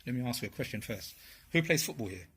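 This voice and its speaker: A man's voice: medium pitch, lively intonation, fast talker, fairly bright tone. A man giving an informal religious talk to a group, speaking conversationally and often checking in with his listeners. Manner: conversational, checks in with "yeah?" and "right?". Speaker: speaker at a religious study circle.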